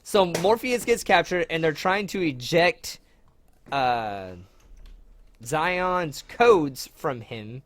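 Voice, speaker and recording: A man co-hosting a casual movie podcast, recapping the plot in a halting way and laughing easily. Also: on the high side, lively intonation, a little hiss or hum. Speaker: podcast co-host. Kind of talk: casual movie-review chat.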